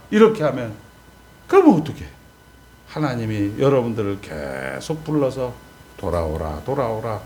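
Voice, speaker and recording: A male pastor, delivering an animated sermon and prompting the congregation to repeat after him. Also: medium pitch, a little hiss or hum.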